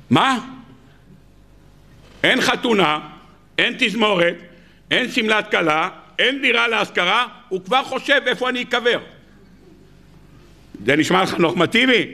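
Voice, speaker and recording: A rabbi delivering a lively sermon in a high voice. His tone is bright and sharp as he fires off rhetorical questions and feigns disbelief. He adds humorous asides to keep the audience engaged. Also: pauses often. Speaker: rabbi giving weekly Torah sermon. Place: lecture hall with live audience.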